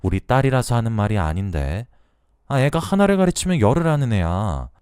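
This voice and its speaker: A man's voice: mid-range voice, sing-song, a little fast, a little mellow, smooth, dry recording, clean studio sound, close to an everyday voice. A man voicing a pushy, nagging middle-aged mother-in-law in a narrated story. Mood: wheedling.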